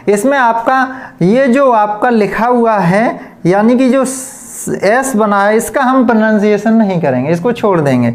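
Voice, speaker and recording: A male teacher giving a pronunciation lesson. He spells each word out letter by letter, repeats it slowly and closes each point with "okay". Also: high voice. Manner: ends points with a steady "okay". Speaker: English teacher.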